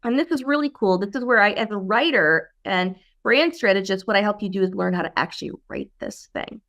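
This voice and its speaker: A woman brand strategist, appearing as an interview guest, explains business ideas in an emphatic, coaching manner full of rhetorical questions. Her mid-range voice is fairly bright and a little fast.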